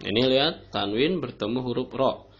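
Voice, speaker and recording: A man teaching tajweed rules patiently, often pausing on "nah, gitu ya" as he explains. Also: mid-range voice. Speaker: Quran recitation teacher. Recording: dull lo-fi recording.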